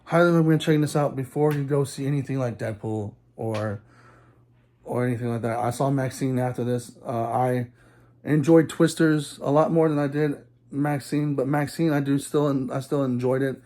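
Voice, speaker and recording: A man's voice: medium pitch, steady tone, moderate pace, warm tone. A man from Texas giving a casual, rambling movie review for his channel, with lots of ums and restarts. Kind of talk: casual film review vlog.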